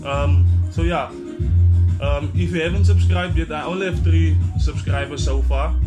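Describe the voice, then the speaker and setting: Loud music plays behind a young South African man with a slightly high-pitched voice and an Afrikaans tinge to his accent. He talks casually to camera like a tutorial vlogger, blunt and slangy. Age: 20s. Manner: blunt, slangy, mildly sweary.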